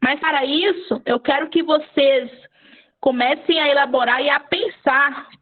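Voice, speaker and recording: A woman's voice: high-pitched, a little slow, slight background noise. A Brazilian woman teacher giving a live online writing class, patient and repeating key points. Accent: Brazilian Portuguese. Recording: phone-like narrow audio.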